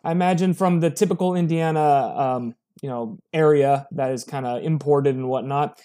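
A man's voice: a little high, moderate pace, warm tone. A man giving a casual, rambling spoken review, chatty and full of restarts. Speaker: bourbon reviewer.

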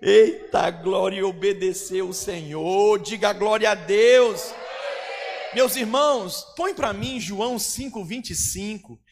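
A man preaching a Pentecostal sermon, swinging from soft asides to shouted declarations. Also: sits high, takes it slowly, creaky, a little hiss or hum. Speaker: pastor. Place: church hall. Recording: long reverb of a church hall.

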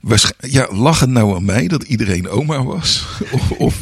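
A man's voice: mid-range voice, lively intonation, a little slow, vocal fry, slightly rough. A man in his sixties co-hosting a podcast in casual chat, rambling and playful with many restarts. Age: 60s. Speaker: podcast co-host.

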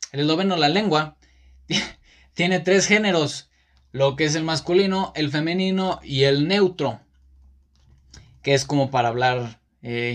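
A man with a Mexican Spanish accent talks through a casual podcast monologue. He rambles along, often stopping to correct himself and filling the gaps with "eh" and "pues". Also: fairly high pitch. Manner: rambling, self-correcting with many fillers. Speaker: podcast host.

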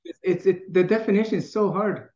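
His voice is high-pitched and somewhat dark in tone, and he talks fairly quickly. He's a middle-aged guest from Taiwan in a relaxed interview, reflective in manner, with frequent restarts and ready laughter. The recording has an echoey room and muffled, lo-fi quality.

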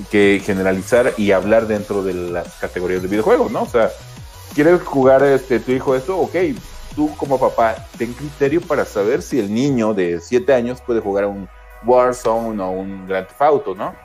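A middle-aged man, co-hosting a casual podcast chat in an animated, slangy way. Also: normal speed, soft background music. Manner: animated, slangy, acts out quotes in higher voices. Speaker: podcast co-host.

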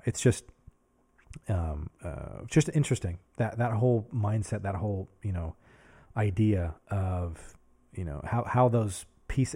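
A man in his thirties talks to his camera in a rambling, self-searching way, often restarting his thoughts. His voice is fairly low and mellow. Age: 30s. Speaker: podcast host. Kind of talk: casual reflective monologue to camera. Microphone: talking to a camera.

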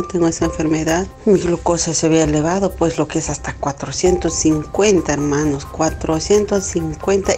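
Middle-aged woman, low mellow voice, halting emotional testimony, keeps repeating herself, faint music behind. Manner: halting, repeats words, many filler questions. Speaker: testimony giver.

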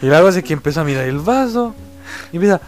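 A man's voice: on the high side, fast talker, soft background music. A man in his twenties with a Chilean Spanish accent, casually telling a story and acting out the other people's voices. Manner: animated, acts out other voices and sounds.

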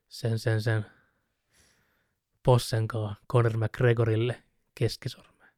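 A man's voice: medium pitch, no room sound, clean studio sound. Chatty man telling a story. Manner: animated storyteller, mimics shouting with laughs. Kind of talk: casual chat about fighting sports.

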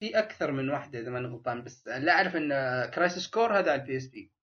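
A man talks in casual chat at a quick clip, his voice sitting a little high. He rambles and restarts his sentences often. The recording sounds dull and lo-fi. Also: expressive, fairly bright tone.

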